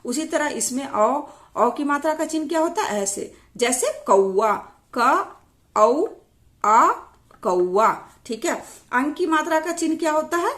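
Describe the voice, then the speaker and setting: A woman teaching Hindi vowel signs, spelling each word out sound by sound in a slow, repetitive way. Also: sits high, animated. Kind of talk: explaining lesson on vowel signs.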